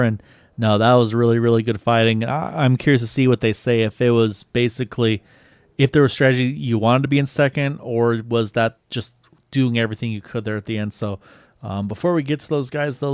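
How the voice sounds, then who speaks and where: A man's voice: medium pitch, clean tone, no echo, studio quality. A man giving play-by-play commentary on an online sim race, his voice climbing as the action heats up. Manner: excited, rising with the action.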